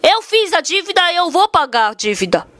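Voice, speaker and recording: A woman's voice: very high-pitched, sing-song, normal speed, fairly bright tone, heavily acted. A woman voicing an indignant honest wife. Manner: firm, scolding.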